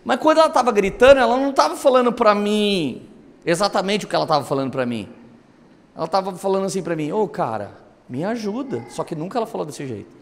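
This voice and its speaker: A male pastor delivering a sermon through lively, humorous storytelling. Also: high-pitched, fast, big-room sound. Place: church auditorium.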